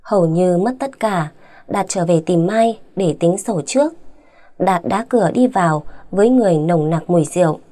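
Mellow-voiced woman storyteller. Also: on the low side, normal speed. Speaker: story narrator. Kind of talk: dramatic audio story narration.

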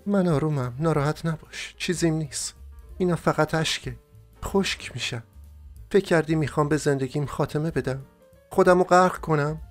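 A man's voice: expressive, few pauses, faint music behind. A man voicing a young, emotional, heartbroken woman in an audiobook, pleading and tearful. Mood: distraught. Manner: high-pitched, pleading, tearful.

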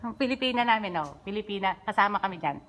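Quick-paced and expressive, her medium-pitched voice has a fairly bright tone. Holding her phone, she walks through the store where she works and into its stockroom, cheerfully showing viewers various items in a casual vlog.

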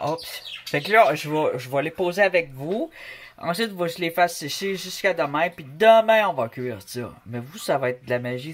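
Against a noisy background, a woman with a lowish voice and a Québécois French accent reads a paint label aloud. The Canadian craft vlogger keeps things casual and jokey, reviewing the product at home while her pet bird chatters.

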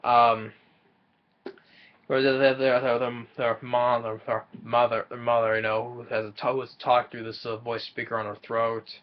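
A man's voice: medium pitch, level tone, normal speed, dull audio. A young man casually recapping a film's plot from a small room, often stumbling and repeating words as he goes. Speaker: movie reviewer.

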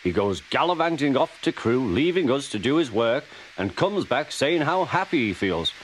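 A man's voice: medium pitch, sing-song, moderate pace, a little hiss or hum, natural voice. Gordon, a man doing a pompous grumbling engine. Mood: cross. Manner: pompous, disapproving. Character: proud grumbling male steam engine, stuffy. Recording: loud music behind.

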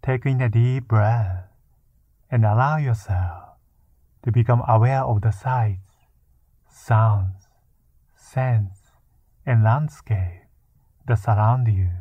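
A man with a fairly low, soft and hushed voice guides a meditation. He speaks very slowly and soothingly, with long pauses between phrases. The recording is close and dry but narrow and muffled, like a phone line. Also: slightly rough, dry recording. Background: music.

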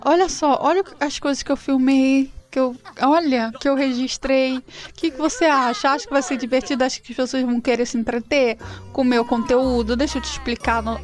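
Brazilian girl narrating her sim game, high voice, goes big and dramatic. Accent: Brazilian Portuguese. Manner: animated, swings into high dramatic outbursts. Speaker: gameplay streamer. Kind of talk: casual game commentary, partly voicing her character.

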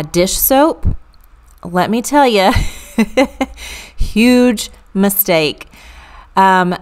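A female vlogger chats through a clean-with-me voice-over, amused as she tells stories from her childhood. Her voice is smooth and on the low side.

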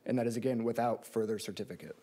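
A man's voice: mid-range voice, fairly even intonation, fast, warm tone. A man in his thirties delivering a formal legal argument at a courtroom lectern. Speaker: lawyer arguing an appeal. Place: large courtroom. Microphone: lectern microphone.

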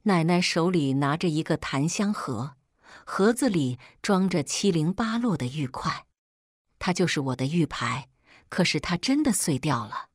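A woman narrates a first-person drama story with emotional, expressive delivery. Her voice sits on the low side and moves widely in pitch. The recording is dry and close, with no room sound. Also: unhurried, no room sound. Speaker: audiobook narrator.

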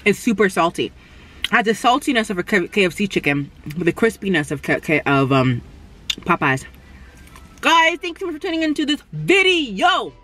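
A young woman from Canada reviewing fast food in a casual mukbang while she eats in a parked car, humming appreciatively between bites. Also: mid-range voice, big pitch swings, sharp tone. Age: young adult. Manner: chatty, eating between remarks, lots of appreciative hums. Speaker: food vlogger. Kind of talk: casual mukbang tasting chat. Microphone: camera on the dashboard.

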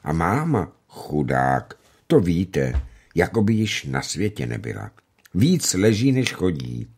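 A man's voice: low voice, sing-song, darkish tone, slightly rough, exaggerated voice. A man reading as a sad young village woman. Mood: confiding, sad. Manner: confiding, sorrowful.

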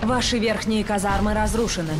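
A woman's voice: mid-range voice, fairly even intonation, brisk, lightly acted. A woman voicing a stern, composed, commanding battle announcer in a video game. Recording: loud game music over voice.

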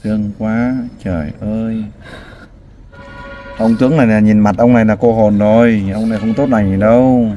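A man's voice: lowish voice, steady tone, normal speed, warm tone, faint music behind. A man hosting a street interview, prompting and sympathetic, often sighing. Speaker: host interviewing a family. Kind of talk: street interview, casual and caring.

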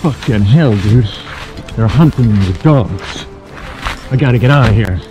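Outdoors in a forest, a vlogger on a survival mission narrates his adventure in the first person, swearing casually and talking to a handheld action camera held at arm's length. A gas mask muffles his mid-range voice into a dull sound, and music plays in the background. His intonation is lively, though his pace is a little slow.

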